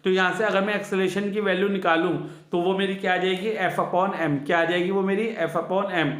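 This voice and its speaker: A man's voice: sits high, steady tone, fairly quick, a bit bright, reverberant. A male science teacher giving a classroom physics lesson, asking the students questions and repeating each key answer twice, with on the terms.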